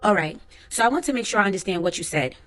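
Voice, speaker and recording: A woman reads as a trial lawyer working through careful, formal questions. Her pitch stays in the middle range, with a level transcript-reading delivery over faint background music. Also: lively intonation, quick pace, fairly bright tone, close to an everyday voice. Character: courtroom lawyer questioning a witness. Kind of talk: transcript read-aloud.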